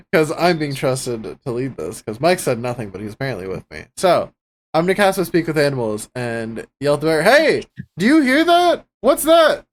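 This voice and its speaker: A man joking his way through a tabletop game, his voice bouncing up and down. He laughs often and talks at a middle pitch into a streaming microphone. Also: normal speed. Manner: animated, laughs often, jokey. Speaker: player. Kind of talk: casual tabletop play on a live stream.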